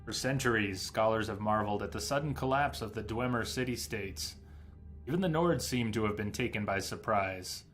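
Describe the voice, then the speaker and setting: Reading in-game lore to his viewers, this man streams and comments live on a game playthrough. He speaks in a lowish, slightly bright voice.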